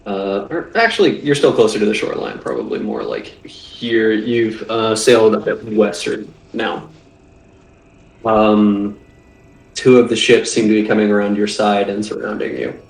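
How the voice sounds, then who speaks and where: Low-voiced male game master in echoey room. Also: gravelly. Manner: halting, thinking aloud. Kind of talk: improvised tabletop game narration. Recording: roomy, echoing voice pickup.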